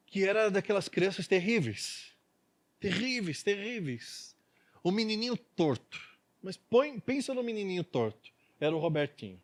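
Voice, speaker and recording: A man with a Brazilian Portuguese accent, a pastor telling a story in a sermon at church. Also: on the high side. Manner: animated storyteller.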